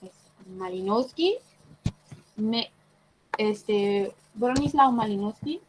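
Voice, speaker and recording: A woman's voice: mid-range voice, animated, slow, slight background noise, low-quality recording. A woman teaching an online class, explaining patiently and checking in with short tag questions. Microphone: computer mic on a video call.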